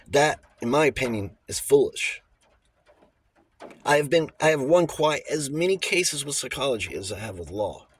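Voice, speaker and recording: In an audiobook, a man voices a little old bachelor lawyer who is formal and precise, wavering between diffidence and relish for a fight. His medium-pitched, husky voice is animated at a normal pace, moving from hesitant stammers to precise, emphatic pronouncements with an authoritative, relishing mood.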